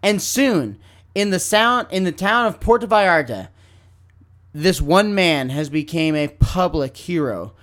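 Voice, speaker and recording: A man co-hosting a podcast in casual comedic chat, telling the story in a dry, deadpan way. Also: a little high, measured pace. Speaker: podcast co-host.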